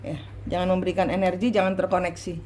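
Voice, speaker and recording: A woman giving a private tarot reading, coaching her client slowly and repeating her instructions. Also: on the low side, level tone, a little mellow, a little hiss or hum. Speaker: tarot reader.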